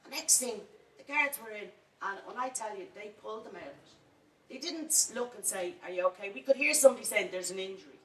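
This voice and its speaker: A woman's voice: medium pitch, animated, fairly quick. A woman with a Dublin accent speaking at a campaign panel, telling a story with growing indignation. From Ireland. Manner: indignant, storytelling, rising to anger. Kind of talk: impassioned panel talk. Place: large hall at a bookfair. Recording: echoey hall, voice from far off.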